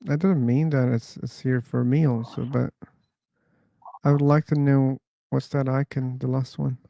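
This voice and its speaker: A man's voice: mid-range voice, flat delivery, vocal fry, mellow, dry recording. A man hosting an online discussion livestream, chatting casually and thinking aloud as he waits for callers. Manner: slow, musing, thinking aloud.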